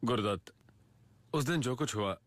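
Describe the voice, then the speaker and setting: A man's voice: medium pitch, expressive, normal speed, no echo. A man speaking dubbed film dialogue as a father, reassuring and confident. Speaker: father of the groom.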